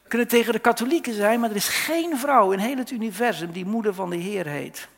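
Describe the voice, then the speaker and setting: A man preaching a sermon with passion, swinging between loud outbursts and hushed whispers, in a church hall with long reverb. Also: sits high, lively intonation, fast, creaky.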